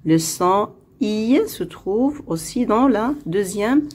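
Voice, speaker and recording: Very slow-speaking woman teacher. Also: mid-range voice, lively intonation, a little mellow, breathy edge. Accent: Arabic-speaking. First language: Arabic. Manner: says each word slowly twice, syllable by syllable. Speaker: French teacher. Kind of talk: slow phonics lesson.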